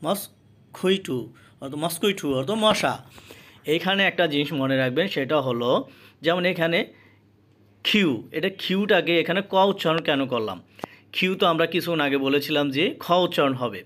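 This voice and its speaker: Guy giving a pronunciation lesson, kinda high voice, says every word twice. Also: lively intonation, a bit bright, slight background noise. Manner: slow, repeats each word and meaning twice. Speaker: English pronunciation teacher. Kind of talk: spoken language lesson.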